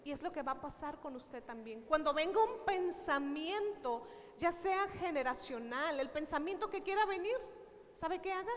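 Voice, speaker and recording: A woman's voice: high-pitched, animated, moderate pace, big-room sound. A woman preacher giving a sermon, talking straight to her congregation and retelling conversations in quoted dialogue. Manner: earnest, direct address to the congregation.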